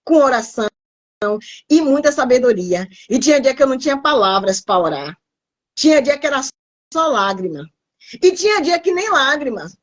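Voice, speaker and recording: A middle-aged woman preaching on a live stream in a slightly high voice. She tells her testimony with deep emotion and repeats phrases for emphasis. At times her voice nearly breaks into tears. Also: big pitch swings, moderate pace, muffled recording. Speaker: pastor.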